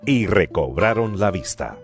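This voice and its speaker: A man narrating a Bible reading in an expressive storytelling manner. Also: deep voice, measured pace, creaky. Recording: music bed behind voice. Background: guitar music.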